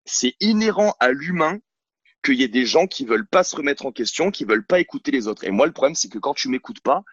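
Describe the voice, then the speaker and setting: A blunt, outspoken man speaks as a coach in a casual interview, often stumbling and restarting mid-sentence. His voice sits at a middle pitch. The sound is dry and a little dull, as if recorded on a camera at home. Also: animated, a little fast, husky, dry recording. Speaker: CrossFit coach, podcast guest. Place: at home on a couch, filming himself. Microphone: camera mic.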